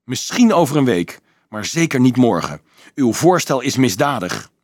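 A man voicing a hot-tempered, defiant teenage boy who snaps and shouts, his voice cracking with rage. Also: mid-range voice, big pitch swings, moderate pace, no echo, studio quality, pitched above the performer's own voice. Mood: angry. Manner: snapping, shouting in anger.

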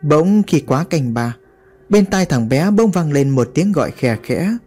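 A man's voice: a little high, expressive, measured pace, darkish tone, breathy edge, faint music behind. A man narrating a horror story in a dramatic, vivid way.

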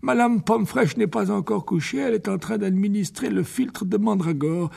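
A kindly old headmaster wizard, slow and soft, with a chuckle always near, as a male narrator puts him on. The voice sits high and gravelly, a touch husky. Audiobook character voice. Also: full character voice. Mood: chuckling.

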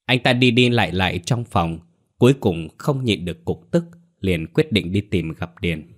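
A man narrating a scripted ghost story in a steady, measured way. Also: sits low.

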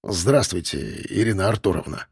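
A male narrator voicing a timid, fawning middle-aged official who speaks nervously and slowly. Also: medium pitch, sing-song, creaky, a little mellow, slightly rough, no room sound, clean studio sound, full character voice. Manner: nervous, ingratiating, slow.

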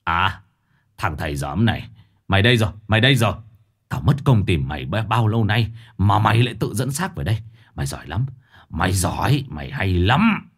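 A man's voice: fairly low pitch, big pitch swings, normal speed. A man voicing an arrogant, hot-tempered middle-aged village chief in a ghost story, barking orders and sneering. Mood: furious, scornful. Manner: shouting, scornful and bullying.

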